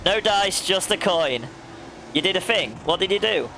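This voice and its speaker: A man's voice: high voice, lively intonation, moderate pace, creaky, sharp tone, a little hiss or hum. A young man streaming a racing game, chatting casually, laughing often and addressing viewers by name. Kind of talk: casual chat while gaming.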